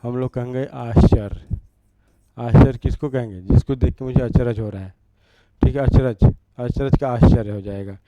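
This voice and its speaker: A man's voice: mid-range voice, fairly even intonation, normal speed, lo-fi sound, heavy background noise. A man teaching an exam-prep grammar lesson, repeating each word and asking rhetorical questions as he writes.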